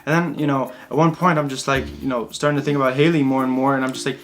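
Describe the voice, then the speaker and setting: A man's voice: medium pitch, steady tone, fast talker, a bit bright. A young man chatting casually, telling a story with lots of fillers. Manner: rambling with many fillers. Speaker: vlogger, new father. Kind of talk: casual chat.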